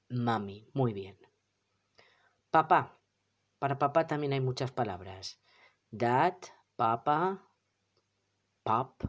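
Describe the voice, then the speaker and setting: Teacher from doing a kids vocab lesson, slow and patient, voice goes way up and down. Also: mid-range voice, a little mellow. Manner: patient, repeats each word slowly for the child; encouraging, praises often. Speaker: English teacher for children.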